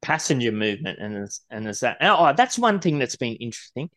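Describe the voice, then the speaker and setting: Man, podcast co-host, blunt sweary rant, occasional lisp, middling pitch. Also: big pitch swings, a little fast, a bit bright. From Australia. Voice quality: occasional lisp when ranting. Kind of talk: casual ranting chat.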